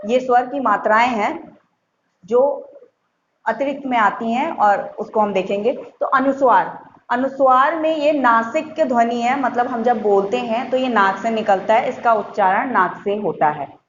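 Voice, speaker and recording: A woman teacher explaining a grammar lesson to young schoolchildren, patient, repeating points and sounding out examples slowly. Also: a little high. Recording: muffled echoey room with faint hiss.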